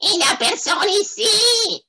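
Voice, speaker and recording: A shrill, malicious little devil squeals from behind a rock in a fairy tale, as a woman voices it. The voice is piercing and spiteful, leaping high and wide. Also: animated, takes it slowly, sharp tone, full character voice. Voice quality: strident, shrill.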